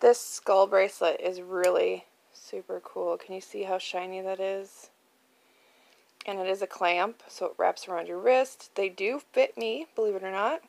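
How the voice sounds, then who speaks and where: At a card table at home, a woman films on a handheld phone as a craft channel host previewing auction items. Her mid-range voice is steady, a little mellow, with vocal fry and a normal speed. It's a chatty show-and-tell, informal and tentative, as she thinks aloud.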